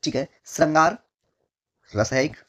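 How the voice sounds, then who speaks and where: A male teacher giving an exam-prep lesson, repeating key words slowly and often calling his students his dear children. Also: on the high side, a bit bright.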